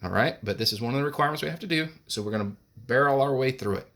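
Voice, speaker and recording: A man's voice: mid-range voice, rapid-fire, fairly bright tone. A man teaching a recorded music lesson. He talks patiently, explains each step and sings solfege syllables.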